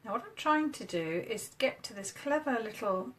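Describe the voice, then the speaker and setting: A woman's voice: on the high side, animated, normal speed, fairly bright tone. A woman from the UK, a marketing coach, chatting upbeat and casual on a live stream while demoing on screen. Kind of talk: casual Facebook Live chat.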